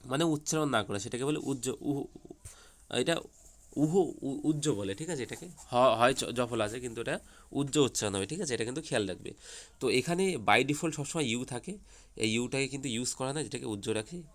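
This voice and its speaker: Male English tutor for kids, mid-pitch, explains step by step, keeps checking understanding. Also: a little fast, fairly bright tone. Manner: repeats checks like "ঠিক আছে?", asks and answers his own questions. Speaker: English teacher. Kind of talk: explanatory lesson to children.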